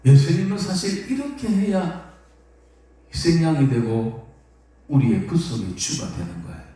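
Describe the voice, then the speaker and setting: A male pastor preaching a sermon in an emphatic, animated way, repeating key phrases. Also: a little high, measured pace. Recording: echoey hall from far off.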